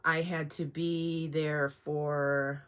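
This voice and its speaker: A woman's voice: low voice, flat delivery, extremely slow, a bit bright, clear, resonant tone. A woman of forty-nine talking casually to her vlog, candid, sweary and rambling with asides, sounding sore and a little shaken after surgery.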